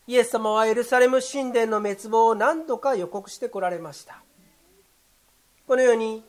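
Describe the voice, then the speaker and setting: A pastor preaches a sermon in a medium-pitched voice, measured and formal, with occasional short fillers.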